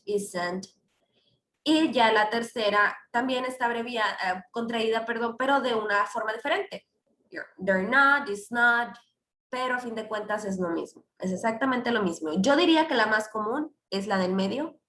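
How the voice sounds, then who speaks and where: A woman's voice: on the high side, moderate pace, pushed and bright, reverberant. A woman teaching English grammar in a class, explaining with many fillers and English examples.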